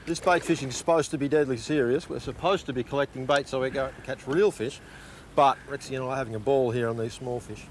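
A man's voice: medium pitch, steady tone, fast, few pauses, slight background noise. A middle-aged man, chatting casually on a boat at sea as a fishing buddy and explaining the fishing gear in a laid-back way.

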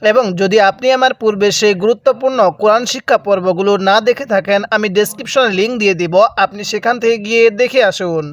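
A man teaching Quran reading, slowly drawing out example words and then explaining the rules. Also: sits high, fairly bright tone. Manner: slow drawn-out recitation of example words, then brisk explanation. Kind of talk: recitation lesson, spelling out words.

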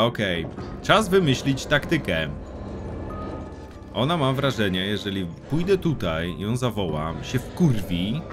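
A young man narrates his horror game play with a lively, swooping voice and constant swearing. He shouts in panic at scares, then drops into low, quiet musing. Game music plays clearly behind him. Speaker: gaming YouTuber. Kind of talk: let's play commentary.

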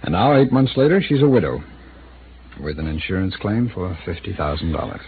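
Heard through a hissy, tinny lo-fi old radio broadcast, a low-pitched actor delivers a very animated, slightly fast performance. He plays a guarded city attorney in a 1950s radio drama, evasive, hesitating and hinting.

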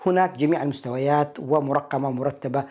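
In an English pronunciation lesson, a man explains each point and repeats words slowly to model them. He speaks at a medium pitch, slightly mellow.

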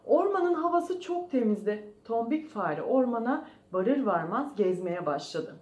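A preschool teacher reading a storybook aloud to young children, gently asking them questions, recorded in an echoey room. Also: female voice, a little high, big pitch swings, a little slow.

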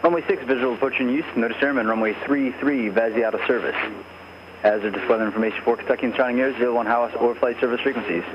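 Guy reading the airport weather loop quick and flat, dull radio sound, lots of static. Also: mid-range voice. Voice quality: steady, clipped reading of weather figures. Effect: recorded airport weather broadcast heard over aircraft radio. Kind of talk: looping automated airport information broadcast. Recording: muffled, noisy aircraft radio.

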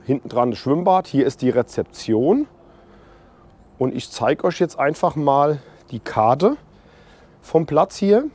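Walking through a campground outdoors, a camping vlogger in his forties chats with viewers about its features, speaking slowly in an animated, somewhat high, slightly mellow voice. His relaxed walk-and-talk review is opinionated and talkative, aimed directly at the audience. Sound comes from a little clip mic on his hoodie while he holds the camera out at arm's length.

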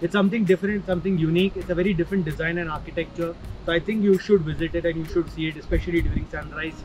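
Talking very fast in a fairly high, steady, darkish voice, this Indian English-accented travel vlogger enthusiastically recommends places to his viewers. He's outdoors in windy mountains with music playing behind, and the audio quality is poor.

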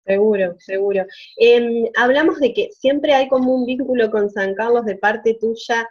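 A woman's voice: fairly high pitch, measured pace. Woman interviewer, muffled sound. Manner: asks long winding questions, frequent "ujú" backchannels. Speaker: interviewer, host. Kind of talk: conversational interview.

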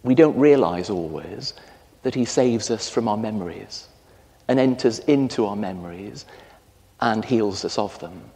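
A man in his fifties with an English accent, a parish priest delivering a storytelling sermon with lively gestures in a large stone church. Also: fairly low pitch, a little slow, vocal fry. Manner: storytelling, animated gestures while preaching. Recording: long church reverb.

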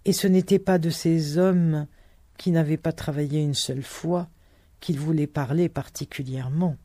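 A reader narrating a novel aloud in slow, measured prose. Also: medium pitch, steady tone, mellow, no room sound.

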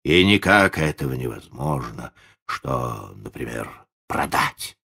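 A man voicing a poor, dignified old organ-grinder, speaking quietly and respectfully. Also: very deep voice, sing-song, slow, gravelly, husky, voice pushed down, exaggerated voice. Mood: dignified weary.

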